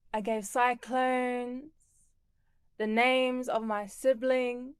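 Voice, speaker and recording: A performing poet with Torres Strait Islander and Tongan heritage delivers spoken word slowly and deliberately. Her slightly high voice is smooth and crisp, captured in a close, dry recording with no room sound.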